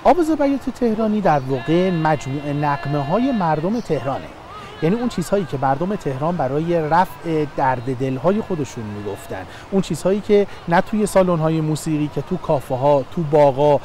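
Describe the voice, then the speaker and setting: A man's voice: a little high, expressive, warm tone, slight background noise. A man who is a linguist, explaining speech forms with examples in a documentary interview.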